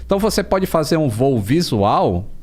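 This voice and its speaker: A Brazilian man as a podcast guest, telling stories in a casual, animated way, with plenty of slang and swearing. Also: fairly high pitch, moderate pace. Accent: Brazilian Portuguese. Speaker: podcast guest, aviation creator. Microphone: studio podcast mic.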